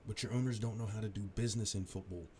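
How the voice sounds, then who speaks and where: A man's voice: lowish voice, fairly even intonation, racing, a little mellow, a little hiss or hum. A man streaming live, ranting bluntly about football with a lot of swearing. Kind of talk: profane live-stream rant.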